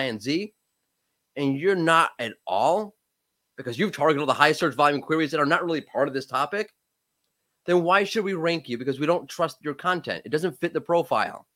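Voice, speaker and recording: An expressive, slightly bright voice on the high side comes from an SEO specialist in his late thirties who is guesting on a podcast. He has a cold that cracks his voice, and he talks fast and emphatically in a casual discussion, repeatedly restarting himself.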